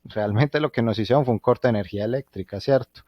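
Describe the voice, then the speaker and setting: A man's voice: medium pitch, quick pace, no echo, muffled recording. Colombian man teaching, dry close sound. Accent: Colombian Spanish. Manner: thinks aloud with restarts, keeps checking in with "¿sí?". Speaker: physics teacher. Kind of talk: live online class lecture.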